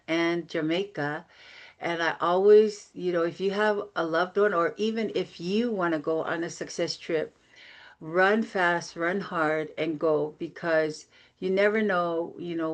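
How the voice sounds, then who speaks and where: Woman, from American Samoa, slightly low voice, upbeat motivational talk, video-call sound. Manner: upbeat, repetitive, conversational with fillers. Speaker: team leader giving a training. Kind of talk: motivational Zoom training.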